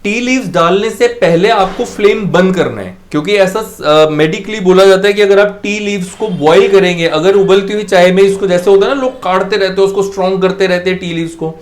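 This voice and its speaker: A man with a Punjabi accent and a high voice teaches English over a cooking demonstration. He explains patiently and repeats himself, and each time he voices an English phrase he slows to a careful, deliberate pace. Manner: switches to English and says the phrases slowly and carefully. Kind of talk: cooking demo as a spoken English lesson.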